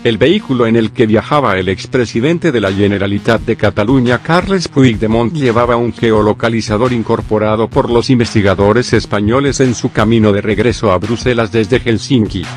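A man's voice: fairly low pitch, normal speed, hardly any pauses, soft background music. A man giving a scripted news narration, reading the text evenly and word for word. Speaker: news reader.

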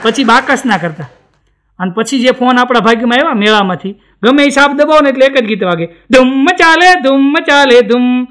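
A man's voice: very high-pitched, fast talker, some chatter behind. A stand-up comedian from Gujarat, a man, telling jokes and acting out the people in them. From Gujarat, India. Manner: animated storytelling, acts out the people in his jokes.

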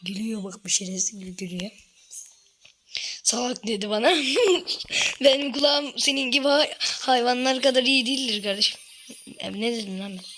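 A woman chatting excitedly and swearing while playing a phone game with her older sister at home, often shouting and laughing. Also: a little high, moderate pace, long pauses, slight background noise. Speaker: gamer recording gameplay with her older sister. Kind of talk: excited casual gameplay chat.

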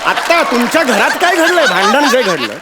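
A blustering, theatrical father-in-law in a live stage comedy sketch. His very high voice swoops up and down as he keeps scolding and repeating himself. A loud hiss sits behind the stage sound. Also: very animated, normal speed, over a noisy crowd. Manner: theatrical, repeats the same line over and over.

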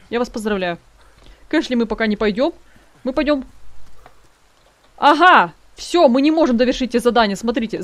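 A woman giving casual gameplay commentary as a let's play gamer, chatting to her viewers and reading in-game notes aloud. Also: a little high.

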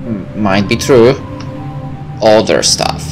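A man with a fairly low voice reads a visual novel aloud as a let's-play host, speaking slowly. He interrupts with casual, joking, sweary asides while game music plays behind him.

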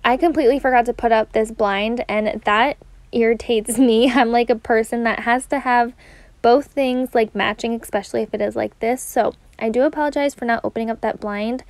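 Young adult woman, fairly high voice, chatty, rambling with fillers, dry close sound. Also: fairly even intonation, a little fast, no echo. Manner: chatty, uses many "like" and "um" fillers. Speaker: cleaning vlogger. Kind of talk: casual chat to camera. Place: home.

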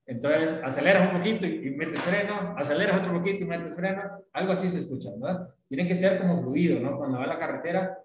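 A man's voice: fairly high pitch, fast talker, hardly any pauses, very echoey, dull audio, a little hiss or hum. A man from Latin America teaching an English lesson, explaining patiently with images and asking questions.

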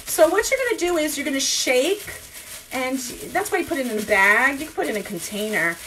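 A woman's voice: sits high, lively intonation, a little fast, pushed and bright, a little hiss or hum. A woman in her forties teaching a live cooking class from her home kitchen, rambling and thinking aloud with lots of fillers.

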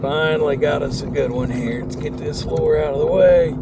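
A middle-aged man, excitedly fishing from a kayak outdoors and talking to the fish, recorded on a kayak-mounted camera. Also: fairly high pitch, moderate pace, vocal fry. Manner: excitable, talks to the fish, exclaims loudly. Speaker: kayak angler. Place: kayak on open tidal water, outdoors. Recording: loud wind and water noise outdoors. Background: wind and water.

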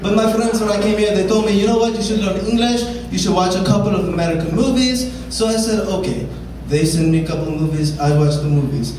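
A man's voice: sits high, quick pace, darkish tone, a little hiss or hum. A man doing a stand-up comedy set with impressions and a put-on accent, heard on a club stage with the audience laughing. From West Virginia. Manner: switches between a put-on foreign accent and impressions. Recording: roomy far-off live club recording.

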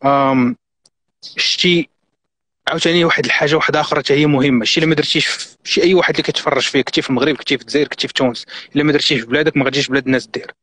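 A man's voice: fairly high pitch, fairly even intonation, very fast, fairly bright tone, no room sound. A middle-aged man from Morocco with a Moroccan accent, a guest on a live stream, giving earnest, insistent advice and mixing in French and English words.

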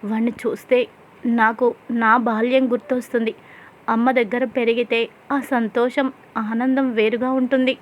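A teasing young husband read aloud by a woman rattles off one question after another in a fairly high voice. It is storybook narration in a serial recap. The recording sounds dull and lo-fi. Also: level tone, moderate pace, a little hiss or hum, lightly acted. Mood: earnest. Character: young married man, teasing and quick.

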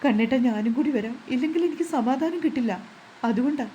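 A woman's voice: high voice, fast, mellow, a little hiss or hum, lightly acted, rough recording. A woman voicing a worried young pregnant wife who pleads tenderly. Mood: pleading.

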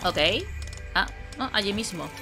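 A woman's voice: medium pitch, animated, measured pace, vocal fry. A young woman giving casual, playful gameplay commentary, chatting to herself as she plays. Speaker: gameplay streamer. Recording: game music behind.

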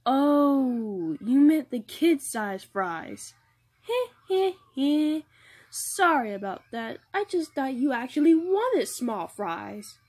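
A woman's voice: high voice, very animated, takes it slowly, a little mellow, exaggerated voice. Pinkie Pie, a bubbly pony, as a woman plays her. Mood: apologetic. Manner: bubbly, apologetic, scatterbrained. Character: cheerful bumbling female pony fast-food worker. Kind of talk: doll play voice acting.

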